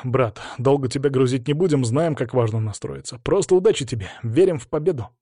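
A man's voice: mid-range voice, a little fast, mellow, slightly rough, no echo, studio quality. A man voicing a friendly young male supporter who speaks in an upbeat way.

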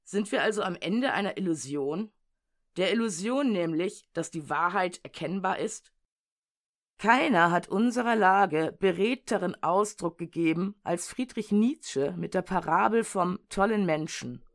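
A woman narrating an audiobook essay in a measured, sober reading of dense prose. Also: fairly low pitch, expressive. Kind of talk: read-aloud essay narration.

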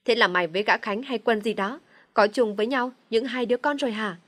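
A woman reading a storybook, voicing a blunt, excitable young woman who comforts her friend. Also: fairly high pitch, fairly quick, no echo. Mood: excited. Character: young woman, brash, emotional loyal friend.

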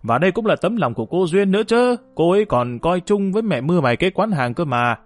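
A man voicing a blunt, loud older village man in an audiobook. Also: high-pitched, very animated, quick pace, no room sound, faint music behind, voice pushed up. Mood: jovial.

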